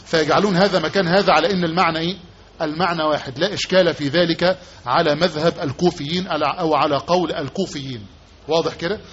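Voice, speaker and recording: A man's voice: fairly high pitch, a bit bright. An Egyptian sheikh teaching a religious lesson in a slightly raised voice. He repeats key words and keeps asking his listeners short questions, then answers them himself. The recording is dull and lo-fi, with a faint hiss underneath. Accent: Egyptian Arabic. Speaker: sheikh teaching hadith commentary.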